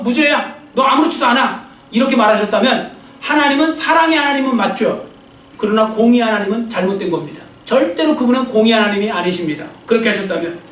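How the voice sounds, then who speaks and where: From a distant mic in a church sanctuary, the echoey recording catches a male pastor delivering an earnest, exhorting sermon and leading prayer with call-and-response. His voice is very high-pitched, with a fairly bright tone.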